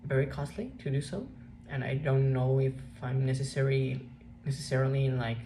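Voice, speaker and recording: A young woman with a Mexican accent, native Spanish speaker, talking through a reflective personal vlog in a halting way with many restarts. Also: rumbling low, low-quality recording. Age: young adult. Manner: hesitant, halting, frequent restarts and fillers. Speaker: vlogger. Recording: steady background noise.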